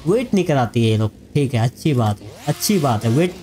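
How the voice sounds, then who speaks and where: A man's voice: mid-range voice, big pitch swings, a little fast, crowd noise. A man giving casual let's-play commentary, chatting to his viewers as friends. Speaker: gaming YouTuber.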